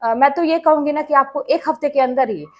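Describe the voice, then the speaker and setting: Woman with a slightly high voice, earnest and emphatic, for an informal motivational study-tips talk. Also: brisk, darkish tone. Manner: earnest, emphatic, speaks directly to listeners. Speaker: schoolteacher. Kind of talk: casual advice talk to exam aspirants.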